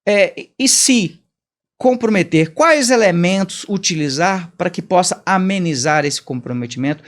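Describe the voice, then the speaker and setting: A man hosting an interview, laying out a question in a measured way. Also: high-pitched, animated. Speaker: interviewer, psychology trainee. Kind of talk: conversational podcast interview.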